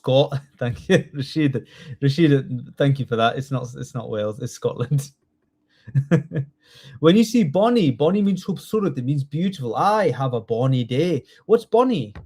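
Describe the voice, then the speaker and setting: A man teaching a live online class, lively and coaxing, repeating key words slowly for his students. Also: mid-range voice, slightly rough. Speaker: test training tutor.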